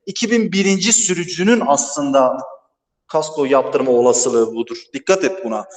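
With a fairly high voice and a moderate pace, a man walks his students through a math lesson step by step, alone in a large, empty classroom and checking in with "right, friends?". Heavy echo from the empty room bounces his voice off the walls.

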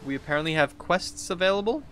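Speaking quickly in a high, expressive voice that's a bit bright, this thirty-something streamer jokes his way through gameplay with exaggerated read-outs and gets exasperated easily. Game music plays, and there's slight background noise.

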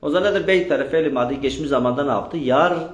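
A man's voice: mid-range voice, rapid-fire. Male teacher, quizzing students, repeats answers, echoey room. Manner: drills students with repeated questions. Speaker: Arabic grammar teacher. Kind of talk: classroom lesson with question and answer.

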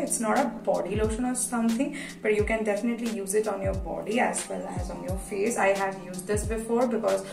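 An echoey, slightly distant phone recording of a young woman with an Indian accent. She talks in a casual, chatty vlog style at a medium pitch, repeating words for emphasis. Music plays along with her voice. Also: vocal fry. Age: 20s. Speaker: vlogger. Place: hotel room and small tiled hotel bathroom. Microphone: phone propped a short distance away. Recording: echoey tiled bathroom, distant phone mic.

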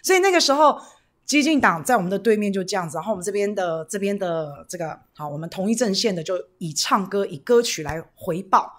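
A woman's voice: mid-range voice, animated, fast talker, a bit bright. A woman from Taiwan hosting a casual political livestream, rambling with fillers and tag questions and greeting viewers by name. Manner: chatty, greets viewers by name, reads donations.

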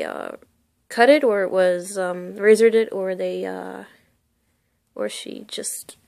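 Medium-pitched and creaky, this young woman's voice gushes casually as she presents a costume for sale in her bedroom. It's a show-and-tell vlog filled with "like" and "really, really."

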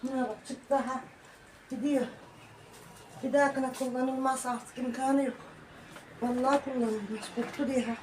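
High-pitched woman vlogger, echoey and distant. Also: steady tone, a little slow, pauses often. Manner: chatty running commentary on chores. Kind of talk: casual household vlog chat. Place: home balcony. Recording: echoey, noisy, distant microphone.

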